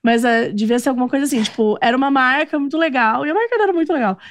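A Brazilian woman telling a story in an animated podcast chat, laughing often. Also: sits high, rapid-fire. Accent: Brazilian Portuguese. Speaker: podcast panelist. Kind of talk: casual chat.

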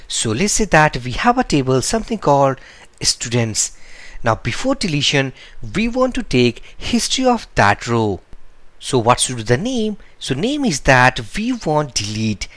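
Man giving a lively coding tutorial. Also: medium pitch, no echo. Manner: explains step by step, correcting himself aloud; nonstandard English phrasing. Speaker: programming tutor. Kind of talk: screen-recorded coding lesson.

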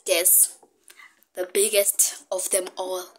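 An excitable, playful young woman with a South African accent, hosting a casual challenge vlog and exclaiming often. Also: fairly low pitch, slow. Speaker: challenge host. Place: small living room, indoors. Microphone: phone propped a short way off. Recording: echoey room, faint noise.

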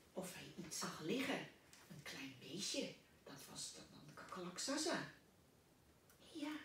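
A woman teacher reads a children's story slowly and expressively, her voice rising and falling a lot. The room is very echoey and she sits some distance from the mic. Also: lowish voice, a little hiss or hum. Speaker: teacher reading aloud.

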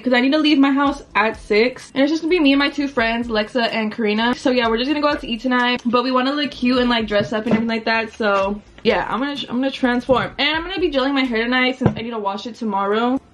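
A woman's voice: a little high, slight background noise. A woman in her twenties vlogging casually while getting ready, chatty and slangy with lots of fillers, in a small bedroom on a camera mic. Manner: chatty, filler-heavy, slangy, laughs easily. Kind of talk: casual get-ready-with-me vlog. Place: small pink bedroom indoors.

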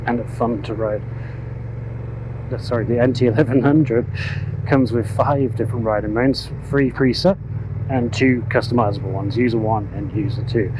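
A man riding a motorcycle, giving a casual, chatty ride-along review through his helmet headset mic. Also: medium pitch. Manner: casual, chatty, self-correcting. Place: on a motorcycle on country roads, outdoors. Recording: road noise from a moving motorcycle. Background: road and vehicle noise.

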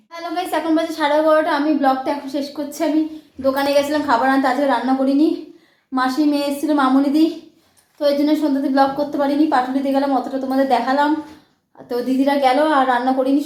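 Fast-talking high-voiced woman vlogger. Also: flat delivery, a little mellow. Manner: chatty, rambling, repeats herself. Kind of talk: casual daily vlog talk to viewers.

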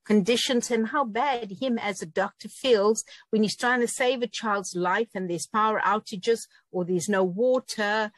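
A woman's voice: mid-range voice, a little slow, few pauses, dry recording, poor audio. Earnest woman on a dry video call. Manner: earnest, with frequent ums. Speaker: whistle-blower panelist. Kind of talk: conversational panel talk on a video call.

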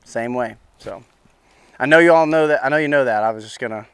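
A man's voice: mid-range voice, brisk, smooth, no echo. A man in his thirties coaching a new bronc rider outdoors at a ranch pen, talking in a loose, easygoing way and often saying "you know what I'm saying". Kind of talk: casual instruction.

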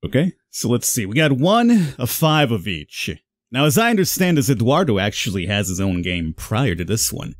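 Lively-pitched man giving game commentary. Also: moderate pace, dry recording. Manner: chatty, rambling, talking to viewers. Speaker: gaming video host. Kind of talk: casual horror game commentary.

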